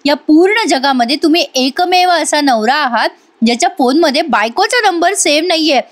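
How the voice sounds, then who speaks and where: A talkative young wife who pleads with and scolds her husband, put on by a woman narrating a serial recap. The voice sits high, and the lines come in a complaining, indignant tone. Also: animated, moderate pace. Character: chatty young wife, quick to take offence.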